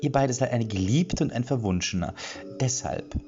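A cackling fairy-tale witch, put on by a male narrator, pitched high above his own voice and swinging wildly up and down. She taunts her captives with theatrical relish. Background music plays beneath slightly muffled, lo-fi audio. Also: animated, normal speed, close to an everyday voice. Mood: gloating glee. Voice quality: high, sing-song and cackling. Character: gleeful cruel female witch, boastful and mocking.

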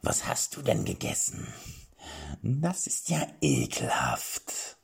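A man voicing a deranged old male king in an audiobook, with a high, shrill, old-sounding voice that drops into manic whispers. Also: wildly swooping pitch, takes it slowly, heavily acted. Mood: deranged glee. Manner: manic, sing-song, sudden whispers and shrieks. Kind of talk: audiobook character voice. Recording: clear background music.

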